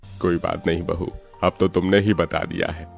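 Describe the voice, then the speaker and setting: Guy doing a meek old father-in-law in a cartoon, real deep gravelly voice, soft and sorry-sounding. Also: flat delivery, moderate pace, faint music behind. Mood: placating. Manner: mild and apologetic. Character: older male father-in-law, humble and gentle. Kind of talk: cartoon story voice acting.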